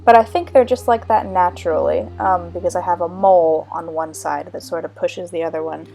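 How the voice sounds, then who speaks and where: A woman's voice: fairly low pitch, a little fast, gravelly, warm tone. A young woman narrating a casual makeup tutorial in a chatty, wry, self-deprecating way, sounding a little tired and hungover. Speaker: makeup vlogger. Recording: background music under voice-over. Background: music.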